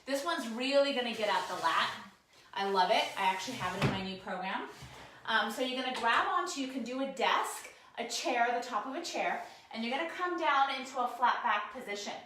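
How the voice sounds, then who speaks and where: Talking to camera, a woman who teaches posture and ergonomics guides viewers through desk stretches while showing them, her voice roughened and hoarse from a cold. She speaks a little high and a little fast with lively intonation, and there's heavy reverb and background noise, with the camera mic sometimes facing away.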